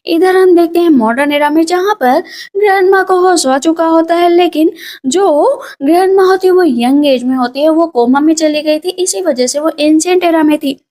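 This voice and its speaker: A woman with a high, bright voice retells a drama's plot as recap narration. She moves along quickly and reads the characters' quoted lines in her own voice, without putting on voices.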